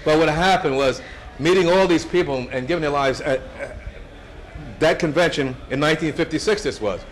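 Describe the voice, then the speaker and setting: A man's voice: a little high, fairly quick. A man in his seventies giving a storytelling speech at a brunch event, anecdotal and chuckling, with many restarts. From United States. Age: 70s.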